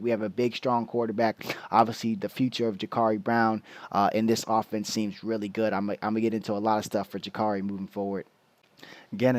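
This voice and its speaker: A man's voice: on the low side, a little mellow, no echo. A man giving a casual football film breakdown, loose and slangy, explaining plays with lots of restarts and the hiccups.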